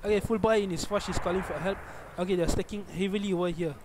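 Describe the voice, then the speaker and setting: A young man with a Malaysian accent calls a live esports match for his stream, his voice sitting high. He gets excited quickly and keeps correcting himself as he goes. A steady noisy hum runs under the whole recording. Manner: excitable, often corrects himself mid-phrase. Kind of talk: live tournament commentary.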